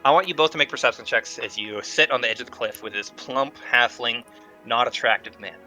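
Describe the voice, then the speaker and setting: A man's voice: medium pitch, a little fast, bright, forceful tone, soft background music, rough recording. A man running a tabletop game as game master, narrating in a joking way.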